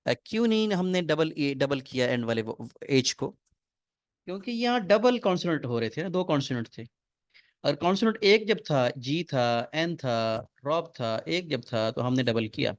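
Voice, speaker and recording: A male English teacher, lecturing to a class on spelling rules, reading rules slowly and explaining them in quick asides. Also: a little high, lively intonation, dry recording. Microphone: recorded lecture mic.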